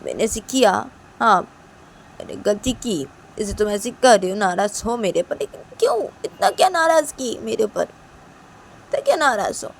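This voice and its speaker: A woman's voice: fairly high pitch, big pitch swings, normal speed, a little hiss or hum. A woman voicing a young woman who begs her lover to forgive her, asking the same questions again and again. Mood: pleading. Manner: pleading, repetitive questioning. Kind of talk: one-woman storytelling with voices.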